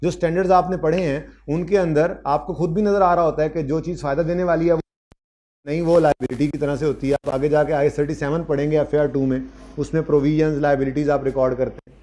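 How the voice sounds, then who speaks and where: Male accounting teacher, slightly high voice, stern classroom lecturer who drills points home. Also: little pitch movement, dark tone. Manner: stern, scolds students and repeats points for emphasis; reads English textbook lines slowly, word by word. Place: classroom with students present.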